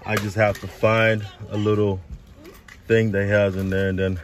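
A man's voice: fairly low pitch, level tone, normal speed. A man vlogging about his car in a hyped, slangy way, often calling out "baby". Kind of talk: casual DIY vlog.

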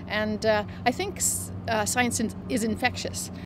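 A woman's voice: a little high, fairly even intonation, unhurried, background noise. Hesitant woman interviewed on a dock. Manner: hesitant, restarting sentences. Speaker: project leader. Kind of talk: on-camera interview.

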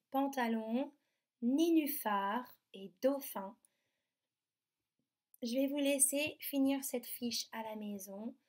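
A woman, teaching young children from her computer at home and slowly sounding out letters and words. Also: fairly high pitch, a little mellow. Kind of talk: remote lesson for young children. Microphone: computer mic.

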